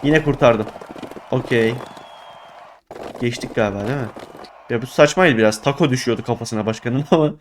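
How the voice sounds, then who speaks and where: A young man giving excitable let's play commentary, exclaiming and groaning at his failures. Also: medium pitch, brisk, pauses often, noisy background. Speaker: gaming YouTuber.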